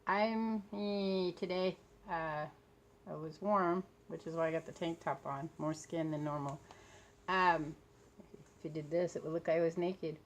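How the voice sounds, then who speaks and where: A woman's voice: low-pitched, fairly even intonation, unhurried. A woman in her late fifties chatting casually and rambling for a vlog, tired, with a sore throat and speech slightly affected by a swollen lip. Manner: talking a bit funny from a swollen mouth. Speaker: vlogger talking about books and authors.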